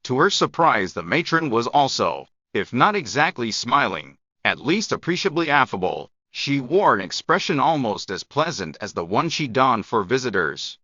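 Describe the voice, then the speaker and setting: Male storybook narrator, bright and crisp-edged, lively intonation, phrase-by-phrase delivery, dry but slightly dull recording. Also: medium pitch, dry recording. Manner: measured phrase-by-phrase delivery with long gaps. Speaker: narrator of English shadowing practice. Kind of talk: scripted audiobook narration.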